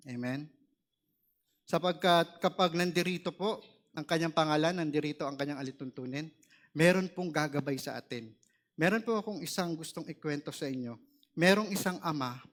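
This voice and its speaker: A man preaching a sermon in an earnest manner, asking for amens and rising in pitch on key words. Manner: earnest, asks the room for "Amen", rises sharply on key words.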